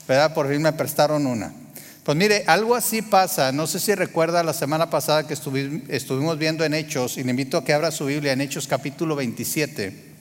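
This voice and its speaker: A man with a Mexican accent preaching to his congregation in a relaxed storytelling manner, often checking in with "¿verdad?". His voice sits a bit high for a man. The sound rings with the long reverb of a large hall. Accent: Mexican Spanish. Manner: conversational, frequent "¿verdad?" asides to the congregation. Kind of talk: sermon with a personal story.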